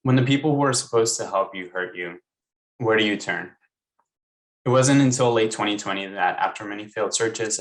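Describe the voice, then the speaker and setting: A man's voice: deep voice, a bit bright, rough recording. A young man raised in Maryland, speaking on an online panel and then earnestly reading a book excerpt aloud over a video call. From United States (raised in Maryland).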